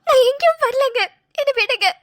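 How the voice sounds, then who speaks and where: A woman's voice: extremely high pitch, expressive, fairly quick, bright, forceful tone, no room sound, studio quality, full character voice. A woman voicing a young newlywed wife in a cartoon, pleading and tearful as she complains about her husband's family. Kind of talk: Tamil cartoon drama voice acting.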